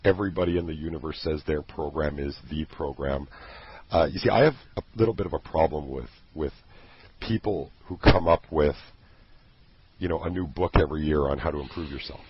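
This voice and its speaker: Man, very low husky voice, earnest pitchman in casual chat, dull lo-fi recording. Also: a little fast, no echo. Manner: earnest, passionate, rambling with restarts. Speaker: product creator promoting his program.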